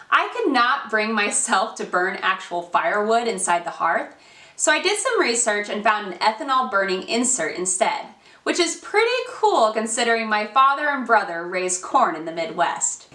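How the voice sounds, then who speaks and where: A woman presents a scripted home show in a bright, forward voice that swings widely in pitch. She is chatty and gushing, with folksy turns of phrase. The sound is echoey, as if she stands away from the mic. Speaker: host of a home renovation show. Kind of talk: upbeat scripted vlog narration. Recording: roomy, distant, faint hiss.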